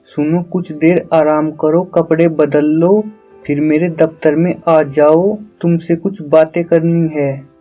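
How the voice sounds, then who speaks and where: A man voicing a predatory, smug film director in a movie recap, in a steady voice. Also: a little high, takes it slowly, soft background music.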